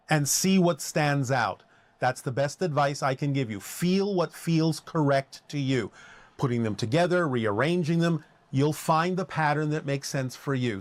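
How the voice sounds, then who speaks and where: Measured formal man, dry close sound. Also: on the high side, no echo. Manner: measured, formal, speaks as "we" and stretches key phrases slowly. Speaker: channeled speaker answering questions. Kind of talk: question-and-answer session.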